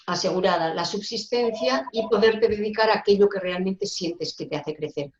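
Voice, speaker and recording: Earnest woman, roomy lo-fi call. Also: medium pitch. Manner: earnest, searching for words, many restarts. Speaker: guest speaker. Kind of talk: discussion talk on social rights. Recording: roomy, dull lo-fi call audio.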